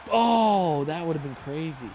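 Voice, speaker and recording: Young gaming YouTuber, a man in his twenties, slightly high voice, casual play-by-play with excited outbursts. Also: unhurried, slight background noise. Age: 20s. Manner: excitable, calls plays aloud with sudden shouts. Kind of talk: casual play-by-play game commentary.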